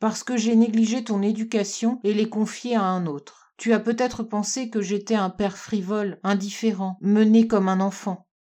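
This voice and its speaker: A woman's voice: medium pitch, fairly even intonation, moderate pace, few pauses, mellow, lightly acted. A woman narrator voicing a middle-aged male painter, a tender and reassuring father who hides his money troubles.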